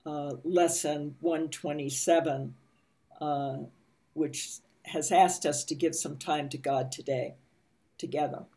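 A woman leading a spiritual study group, gently reading and teaching with pauses and soft fillers. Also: low voice. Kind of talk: slow meditative reading and teaching.

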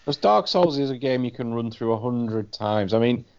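A man's voice: mid-range voice, lively intonation, normal speed, clean tone. A British man co-hosting a podcast, telling casual, sweary anecdotes about gaming. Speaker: podcast co-host. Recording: dull lo-fi podcast audio.

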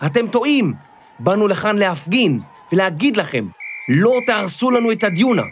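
A man's voice: high-pitched, big pitch swings, a little hiss or hum, pitched above the performer's own voice. A man doing a determined girl protester. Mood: defiant. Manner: forceful and defiant.

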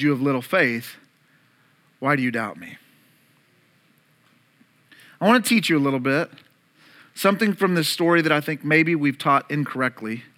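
A man's voice: on the high side, pushed and bright. A man preaching a sermon to his congregation, telling the story dramatically with playful asides to the room. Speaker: pastor. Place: church service before a congregation.

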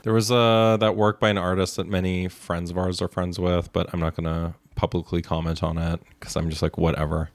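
A man with a very deep voice co-hosts a podcast, tossing out snarky, gossipy jabs and laughing often. He talks casually and speaks close to a dry mic with no room sound. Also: flat delivery, fairly quick, hardly any pauses, no echo. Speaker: podcast co-host.

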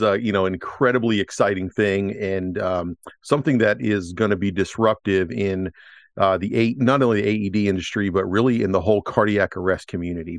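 A man's voice: on the low side, no room sound. A man hosting a podcast, upbeat and joking, introducing his guests with many "uh" fillers. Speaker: podcast host. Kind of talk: casual podcast interview.

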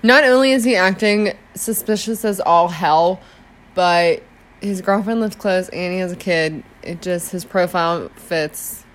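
A woman co-hosting a podcast, chatting casually with quick sarcastic reactions. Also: fairly low pitch. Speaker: podcast co-host. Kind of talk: casual chat.

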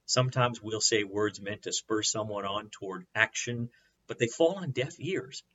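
A man preaching as a pastor, teaching in an earnest, measured way with rhetorical questions. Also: mid-range voice, a bit bright, highs cut off, slight background noise. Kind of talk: sermon.

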